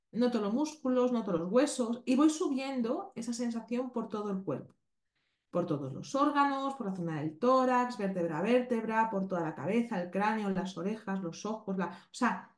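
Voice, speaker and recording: A woman with a Spanish accent from Spain, an animal communication teacher, explains a podcast lesson and keeps checking in with her listeners. Her voice is fairly high in pitch yet darkish in tone. There's a roomy echo on the recording.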